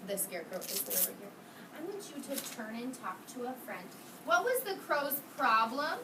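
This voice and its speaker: A woman with a slightly high, very animated voice reads aloud to young kindergarteners at a normal speed, questioning them and repeating back what they answer. The room is an indoor classroom, spacious and noisy, and she is far from the microphone.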